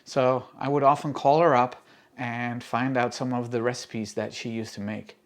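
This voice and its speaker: A middle-aged man from the Netherlands, hosting his home cooking channel and explaining to camera in a friendly, steady way with small fillers. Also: medium pitch, normal speed. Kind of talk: casual cooking video to camera.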